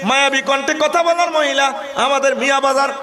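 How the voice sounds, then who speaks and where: Sermon preacher: man, Comilla Bangla accent, high voice, crowd behind. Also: fairly even intonation, brisk, roomy sound, heavy background noise. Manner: humorous, shouting, acts out women's voices.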